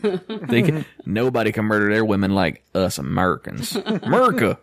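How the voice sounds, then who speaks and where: A man co-hosting a podcast, joking around in casual banter, with his voice swinging up when he gets excited. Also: moderate pace, dry recording. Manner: animated, jokey, swings up in pitch when excited. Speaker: podcast co-host.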